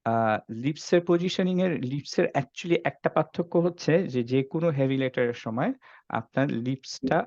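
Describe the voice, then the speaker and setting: In an online tajweed class mixing Bengali with English, a man patiently demonstrates the sounds of letters for Quran recitation, checking understanding with frequent "okay?" His mid-range voice is a little mellow and at normal speed, with no room sound and the highs cut off.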